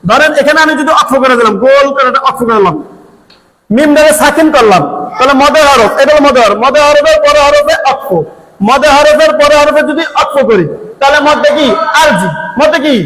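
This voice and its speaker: A man's voice: very high-pitched, a bit bright. A man teaching Quran recitation, drilling syllables and asking the class to repeat after him. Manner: stretches the chanted Arabic words slowly. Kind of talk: classroom-style recitation lesson. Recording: noisy room with ambient background.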